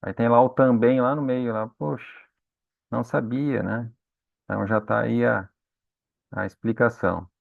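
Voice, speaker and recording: A man's voice: mid-range voice, steady tone, normal speed, vocal fry, pauses often, dry recording. A man teaching a patient grammar lesson, checking in with his students again and again. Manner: patient, frequent "né?" and "tá?" check-ins. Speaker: Portuguese teacher. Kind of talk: explanatory lesson. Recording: dry, phone-like lo-fi sound.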